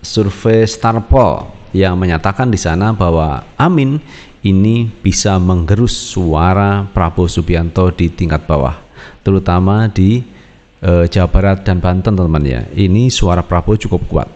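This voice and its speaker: Male news-channel host, lowish voice, dull lo-fi recording; reads articles plainly, breaks off to talk to viewers. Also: normal speed, darkish tone. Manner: addresses viewers as friends, fillers between phrases. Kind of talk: reading news aloud with casual asides. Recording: dull lo-fi sound.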